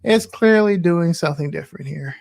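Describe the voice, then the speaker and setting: A man's voice: fairly high pitch, a little fast, vocal fry, a little mellow, no echo, clean studio sound. A man co-hosting a tech podcast, talking casually and hesitantly, searching for words. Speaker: podcast co-host.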